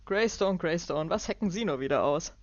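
A woman reading a book aloud and voicing a stout, condescending businessman in his fifties who is loud and falsely jovial. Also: on the low side, animated, normal speed, no echo. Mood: mocking. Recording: dull lo-fi dry recording.

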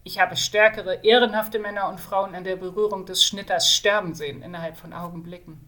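A woman voicing a suspicious, gruff male inquisitor who snaps orders, in a fantasy story she reads aloud. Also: medium pitch, steady tone, brisk, fairly bright tone, natural voice. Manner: curt, snapping.

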